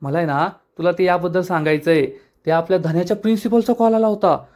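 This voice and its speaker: A man's voice: high-pitched, fairly even intonation, fast talker, darkish tone, natural voice. A man voicing a cheeky young man who jokes and dodges questions. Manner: playful, evasive banter.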